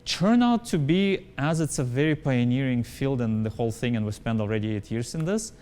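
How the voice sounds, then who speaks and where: A man with a medium-pitched, lively, brisk voice that is a little mellow and clean in tone. English is his second language, and he answers interview questions as a company founder, speaking emphatically, repeating his points and checking in with "right?".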